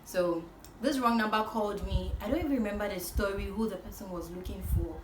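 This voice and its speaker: A young woman tells a personal story in casual, animated vlog chat, acting out what people said. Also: mid-range voice, a little fast. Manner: animated storytelling with acted-out quotes. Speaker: vlogger on a sibling channel. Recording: roomy echo, faint background noise.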